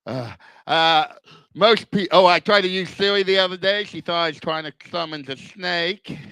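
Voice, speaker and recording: An older male stand-up comic speaks in a fairly high, bright voice. His heavy lisp slurs words and whistles on wet S sounds, as if he had no front teeth. He sets up self-deprecating punchlines deliberately, and the sound is close and dry. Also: clean tone, no echo. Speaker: stand-up comedian. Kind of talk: stand-up comedy routine.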